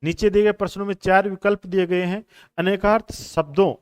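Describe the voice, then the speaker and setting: A man's voice: high voice, steady tone, brisk, smooth, dry recording, studio quality. Patient male teacher. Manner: explains patiently, repeats answers, addresses students as brothers and friends. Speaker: exam coaching teacher. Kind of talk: classroom lecture on Hindi exam questions.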